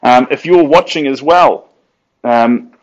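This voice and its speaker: A talkative, cheerful artist in his late twenties from New Zealand paints while chatting to his live-stream audience, occasionally singing snippets. His medium-pitched voice comes at a slow pace through dull-sounding audio.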